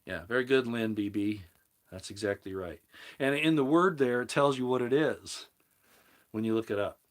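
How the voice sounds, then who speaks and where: This livestream host speaks in a mid-range male voice at normal speed during a casual scripture talk. Reading viewers' comments aloud, he responds in a rambling way and keeps restarting his sentences.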